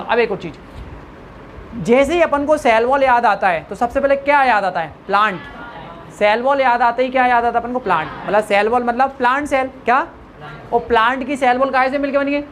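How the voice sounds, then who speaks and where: Her voice sits on the high side, and a little hiss or hum runs under the recording. A woman teaching biology to a class, she keeps repeating questions for the students to answer back and jokes around with them informally.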